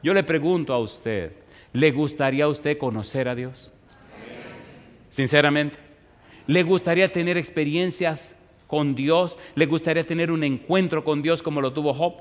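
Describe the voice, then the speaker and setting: A man preaching a sermon in a fairly high voice, drawing in his congregation with rhetorical questions. He grows louder and slower when he reads scripture. His voice rings with the long reverb of a large church hall. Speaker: pastor.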